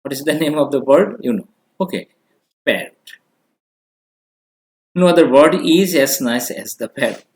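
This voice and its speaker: A man's voice: mid-range voice, animated, extremely slow, long pauses, echoey room. A male English teacher giving a classroom grammar lesson, switching between two languages and often asking questions that he then answers himself.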